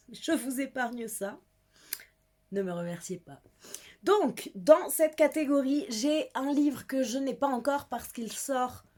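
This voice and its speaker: A woman's voice: fairly high pitch, darkish tone. A young woman chatting casually about her reading pile, giggly and self-mocking as a book vlogger. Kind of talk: casual book haul chat.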